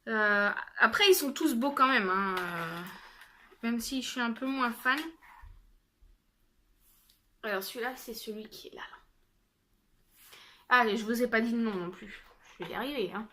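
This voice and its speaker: A young woman talks casually through a shopping haul, pausing often on fillers and restarting her sentences. Her voice sits high and sounds bright. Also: slight background noise. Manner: chatty, many fillers and restarts. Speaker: haul vlogger. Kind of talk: casual haul video chat.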